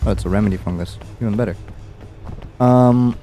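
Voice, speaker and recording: A man's voice: lowish voice, brisk, mellow, soft background music. A young man streaming a game, rambling and musing aloud with easy chuckles as he plays. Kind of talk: casual gameplay commentary.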